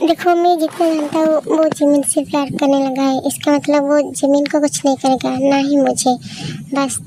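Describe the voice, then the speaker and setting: A woman reading a fan fiction audio drama, voicing every character herself with quick, emotional dialogue. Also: high-pitched, level tone, noisy background. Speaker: fan story narrator.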